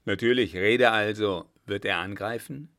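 A man voicing a blustering, gruff old field marshal who bellows brusquely. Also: lowish voice, unhurried, a bit bright.

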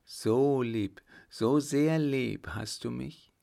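A man voicing a calm, wounded young soldier who soothes his sweetheart in an even, steady manner. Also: mid-range voice, very slow, vocal fry, voice pushed up. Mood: reassuring.

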